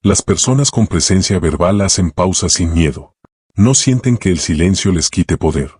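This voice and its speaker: A man giving calm, measured scripted narration of an audiobook. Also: low-pitched, breathy edge, no echo, studio quality. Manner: calm, measured, even delivery.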